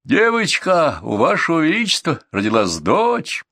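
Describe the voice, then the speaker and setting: Excited fairy-tale messengers shouting joyful news in high, ringing voices, as a male narrator puts them on. The pitch leaps up far above his normal reading and swings widely. The recording is dry. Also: measured pace, no echo, heavily acted. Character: excited royal messengers, men.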